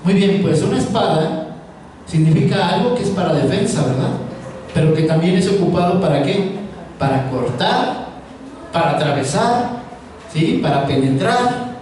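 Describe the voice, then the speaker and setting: A man's voice: on the high side, animated, moderate pace, long pauses, a little mellow, a little hiss or hum. A man preaching a sermon, often asking his listeners questions and waiting for their answers. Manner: asks the audience frequent questions. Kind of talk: sermon with call-and-response. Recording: roomy echo, mic at a distance.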